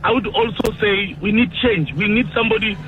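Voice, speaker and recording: A man's voice: high voice, fairly quick. A man calling in to a radio show to give his opinion, insistent and repeating himself, laughing easily. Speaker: radio caller. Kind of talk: phone-in opinion. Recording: tinny phone line with faint noise.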